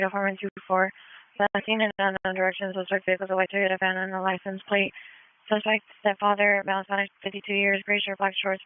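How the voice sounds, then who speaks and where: A man's voice: high-pitched, smooth, no room sound. A man working as a police dispatcher, reading out clipped codes and suspect descriptions over a police radio. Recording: tinny radio scanner audio.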